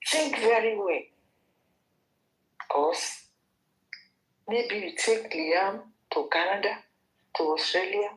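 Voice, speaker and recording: This gossip commentary vlog features a Nigerian-accented woman whose voice is fairly low yet fairly bright, captured in low quality. She shares her opinions while scolding and directly addressing the woman in question.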